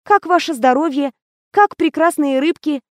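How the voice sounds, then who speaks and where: A woman's voice: expressive, normal speed, a little mellow, no room sound, studio quality. A woman voicing a clingy young actress in an audiobook, pleading and tearful. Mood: ingratiating. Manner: high, imploring, breathless pleas.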